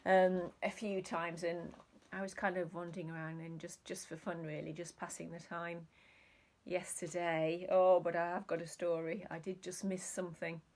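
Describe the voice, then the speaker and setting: A woman chatting casually about her resale finds, rambling and hesitant with many ums. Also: lowish voice. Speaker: reseller vlogger. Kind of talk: casual chat.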